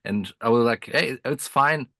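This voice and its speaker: A man's voice: medium pitch, unhurried, pushed and bright, no room sound. A man from Croatia, talking as the guest composer on a video call from inside his motorhome, friendly, with frequent laughs and restarts. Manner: friendly, laughs often, many restarts and fillers. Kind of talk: casual interview chat.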